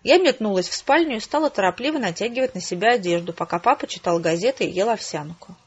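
A woman's voice: medium pitch, expressive, quick pace, slightly rough, dull audio. Woman narrating an audiobook. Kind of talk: scripted narration.

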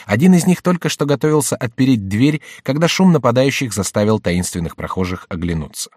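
A man narrating an adventure novel in a measured, dramatic reading. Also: medium pitch, animated, darkish tone, dry recording, studio quality. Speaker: audiobook narrator. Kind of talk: scripted narration.

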